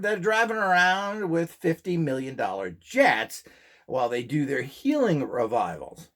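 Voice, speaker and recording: A presenter who sells radionics devices gives an informal, opinionated lecture in a blunt, scornful, emphatic manner, throwing out rhetorical questions and mimicked quotes. His voice is on the high side and slightly rough.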